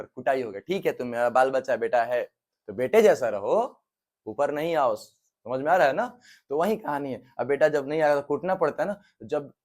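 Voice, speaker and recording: A man's voice: fairly high pitch, a little mellow. A male teacher giving an exam-prep history lecture. He talks in a colloquial, jokey way and keeps firing repeated questions back at his students. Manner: quizzes students with repeated call-and-response questions.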